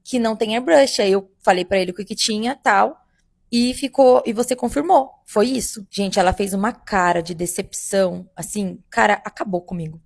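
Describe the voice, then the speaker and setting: A young adult woman, a bridal makeup artist, telling a casual first-person story with animated asides to her listeners. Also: mid-range voice, normal speed, creaky, no echo, clean studio sound. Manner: animated, addresses listeners as "gente".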